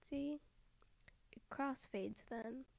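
A soft-spoken woman giving a software tutorial voice-over, often trailing off into a whisper. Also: high voice, drawn-out words, gravelly, no echo.

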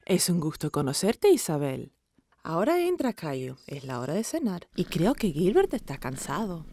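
A woman voicing a kind, gently firm mother in a children's cartoon dub. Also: on the low side, sing-song, moderate pace, a little hiss or hum. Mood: warm.

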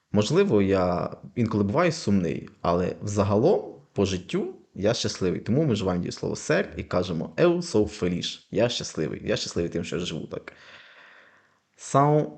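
Male language teacher with a lowish voice; patient explainer who repeats examples slowly. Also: a little mellow. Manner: repeats phrases slowly, checks understanding with tag questions. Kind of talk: explanatory lesson.

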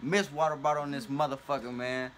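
A young man co-hosting a casual reaction video, loud and profane as he exclaims at a film clip. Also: medium pitch, fairly even intonation, a little fast, crowd noise. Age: young adult. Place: room with a window, indoors. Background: loud movie audio with music.

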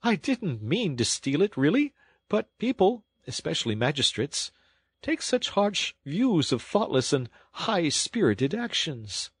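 A man voicing a boastful, excitable male toad who pleads and makes excuses in a theatrical way, in a husky voice. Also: a little slow, dry recording, exaggerated voice. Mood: sheepish excuses. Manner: pleading, high-strung and theatrical. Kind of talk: audiobook storytelling.

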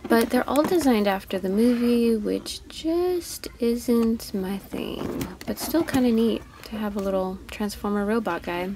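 A woman's voice: on the high side, a little slow, gravelly, hardly any pauses, noisy background. A woman vlogging a toy hunt in a store, chatting casually and gushing over each toy she spots. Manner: chatty, easily delighted, gushing over toys.

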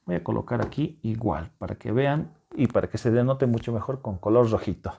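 A male math teacher with a mellow, warm tone walks secondary students through a lesson at the board. He is patient and encouraging, breaking each step down and keeping the class with him through frequent check-in questions. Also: medium pitch, expressive, brisk, vocal fry, breathy edge. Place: classroom whiteboard.

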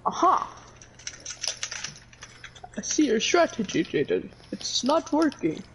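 A man's voice: very high-pitched, big pitch swings, slow, fairly bright tone, slight background noise. A young male gamer joking and bantering with swagger on a casual voice chat.

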